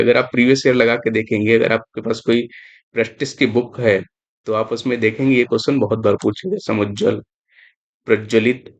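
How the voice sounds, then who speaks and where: Man teaching spelling over dull audio. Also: fairly low pitch. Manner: repetitive, emphatic, stresses importance. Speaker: exam prep teacher. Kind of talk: explaining spelling on screen.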